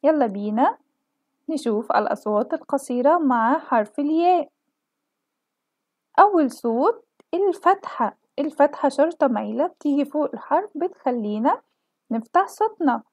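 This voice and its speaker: High-voiced woman teaching children letters. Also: expressive, a little mellow, no echo, clean studio sound. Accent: Egyptian Arabic. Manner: slow drawn-out model pronunciation for children. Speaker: kindergarten teacher. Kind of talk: children's alphabet lesson.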